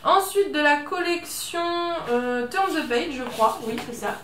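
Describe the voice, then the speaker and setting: A high-pitched woman chatting through a craft haul at home, chatty and self-mocking, full of little fillers. Her voice sits a little back from the mic in an echoey room, with a faint hiss underneath. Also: expressive, measured pace, fairly bright tone, far from the mic. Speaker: scrapbooking vlogger. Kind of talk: casual haul video chat.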